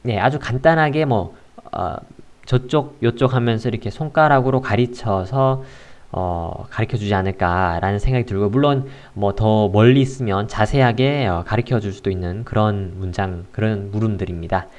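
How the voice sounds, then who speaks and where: A man teaching an English lesson in a casual explanatory way, unhurried and pausing often with filler sounds. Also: lowish voice, darkish tone.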